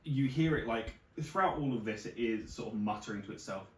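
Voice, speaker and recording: A man's voice: fairly low pitch, animated, fairly quick. A man narrating as dungeon master, describing the action in a loose way with many fillers. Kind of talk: narrating a tabletop game. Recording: roomy, distant mic with noise.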